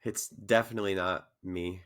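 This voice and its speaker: Deep-voiced sick young man joking. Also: fairly even intonation, normal speed, fairly bright tone. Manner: joking, teasing. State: sick, phlegmy cough. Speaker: podcast co-host. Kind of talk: casual banter.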